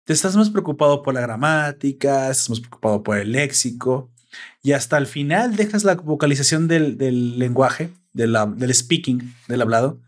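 A man's voice: mid-range voice, expressive, moderate pace. A young man with a Mexican accent chatting casually and explaining at length, with salty slang. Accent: Mexican Spanish. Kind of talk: casual chat.

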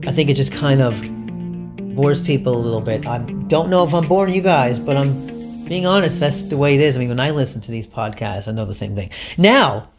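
A man hosting a solo podcast, giving candid, chatty advice in an animated, self-deprecating way. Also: mid-range voice, fairly quick, soft background music. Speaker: podcast host.

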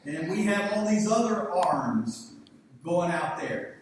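Speaking slowly, with a high voice and lively intonation, a Southern US man in his sixties delivers a rambling, folksy sermon full of jokes. The church hall recording comes from a distant, echoey mic and carries slight background noise.

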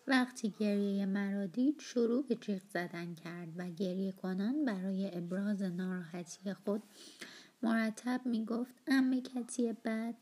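A woman narrating an audiobook of a novel in a calm, steady storytelling manner. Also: medium pitch.

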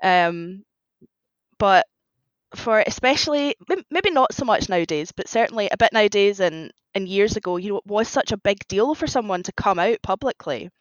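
A woman appears as a guest author on a fan fiction podcast, talking casually as a writer, with slightly dull, lo-fi sound. Her voice is mid-range, animated and moderately paced, with no echo.

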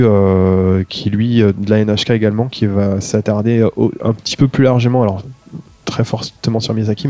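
A man's voice: lowish voice, dark tone, dry recording. A man, a guest author talking through film and book picks on a podcast, hesitant with many fillers. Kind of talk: podcast conversation.

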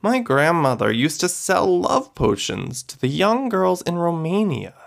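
Man voicing a calm, mystical old fortune-teller. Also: a little high, a little slow, gravelly, voice pushed up, heavily acted. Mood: knowing, solemn. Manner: gentle, matter-of-fact, grandly solemn.

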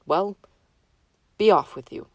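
A woman's voice: mid-range voice, slow pace, dry recording, pitched above the performer's own voice. A woman voicing a great ugly male troll who roars and menaces, in a storybook reading. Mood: dismissive. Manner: roaring, menacing.

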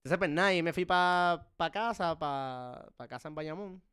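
Puerto Rican man, podcast host, smooth higher voice, swears a lot and rants as he tells it. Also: moderate pace. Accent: Puerto Rican Spanish. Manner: profane, animated, self-mocking storytelling. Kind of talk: casual storytelling chat.

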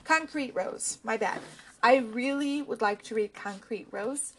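A woman with a somewhat high voice talks casually about books as a vlogger. She hesitates often and fills the gaps with ums before picking her thread back up. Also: measured pace, a little hiss or hum. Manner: hesitant, with frequent ums and restarts. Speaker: book vlogger. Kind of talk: casual book chat.

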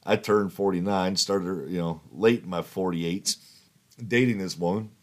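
A man's voice: low-pitched, measured pace. A man in his fifties telling rambling personal stories in a casual monologue, swearing and laughing as he goes. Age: 50s. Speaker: podcast host.

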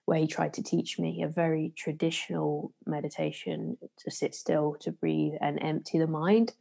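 A woman's voice: low voice, fairly even intonation, moderate pace, vocal fry, dark tone. A woman with a Leicester accent from the English East Midlands, hosting a podcast and explaining things casually with careful diction. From Leicester area, England. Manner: speaking carefully to be understood. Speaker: podcast host and meditation trainer.

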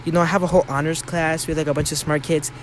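A teenage guy with a fairly high voice, co-hosting a podcast from his bedroom. He rambles, swears freely and makes fun of himself. Faint hiss sits under his voice. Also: little pitch movement, fast. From Florida, USA. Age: teens. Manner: rambling, swears a lot, self-mocking. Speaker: podcast co-host. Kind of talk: casual chat. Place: home bedroom.

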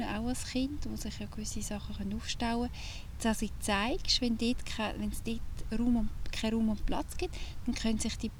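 A woman with a Swiss German accent hosts a podcast from inside an old camper van, chatting casually and vividly and often restarting sentences while searching for words. Her voice is fairly high and fairly bright, with a slight hiss or hum in the audio.

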